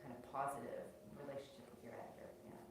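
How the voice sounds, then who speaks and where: A woman author speaking at a live library talk and Q&A, chatty and quick to laugh, often restarting her sentences. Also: a bass voice, flat delivery. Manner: chatty, laughs easily, self-correcting restarts. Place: library event room. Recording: echoey room, distant mic, noisy.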